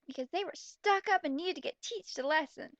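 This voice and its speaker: Her voice very high and her pace a little fast, a young woman reads a story aloud and mocks it with blunt, exasperated remarks. It's a slightly dull home recording without any echo.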